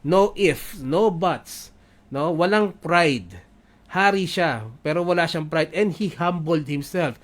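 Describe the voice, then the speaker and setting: A man's voice: on the high side, animated, slow pace. A man with a Filipino accent preaching a sermon in mixed Tagalog and English, reading Bible verses aloud and often adding tag questions. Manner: Taglish preaching with frequent tag questions, reads scripture aloud.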